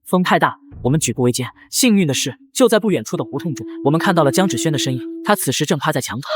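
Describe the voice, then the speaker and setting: A man reading a first-person web-novel story as scripted narration, in a rapid, even storytelling delivery. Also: fairly high pitch.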